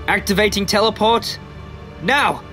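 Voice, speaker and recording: A man's voice: high voice, a little slow, loud music behind the voice. A man playing an exasperated, grudgingly fond rival of the hero in an audio drama, speaking emphatically. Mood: urgent.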